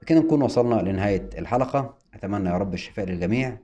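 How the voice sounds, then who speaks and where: A man with an Egyptian Arabic accent hosts an explainer. He talks calmly in numbered parts and answers his own questions. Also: lowish voice, rapid-fire. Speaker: host explaining OCD. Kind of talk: scripted explainer talk.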